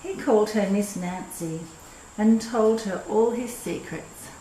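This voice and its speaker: An older woman reading a children's storybook aloud in a measured, expressive way. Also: mid-range voice. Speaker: storyteller reading a picture book. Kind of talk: scripted storybook narration for children. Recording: roomy echo with clear background noise.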